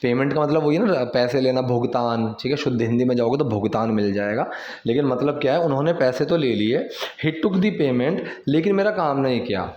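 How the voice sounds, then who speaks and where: A man teaching English phrases in a casual lesson, slowing right down to read each English line word by word. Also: mid-range voice, lo-fi sound, slight background noise. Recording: roomy echo.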